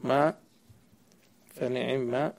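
Guy teaching grammar, gravelly voice, keeps asking the student questions. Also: mid-range voice, steady tone, slow, darkish tone. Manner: asks the student questions and corrects answers. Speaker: sheikh teaching Arabic grammar. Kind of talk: explaining a grammar poem to a student.

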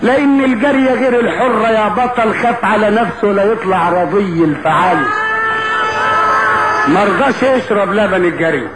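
A man's voice: high voice, normal speed, over loud music. A man with an Egyptian Arabic accent telling a folk epic as an Arabic cafe storyteller, addressing his listeners directly and moving between formal phrases and colloquial asides. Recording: roomy echo, clear background noise.

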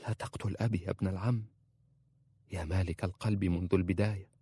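A man reading an audiobook voices a young woman who pleads urgently, in a hushed way, for her father's life. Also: low-pitched, steady tone, fast, husky. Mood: pleading.

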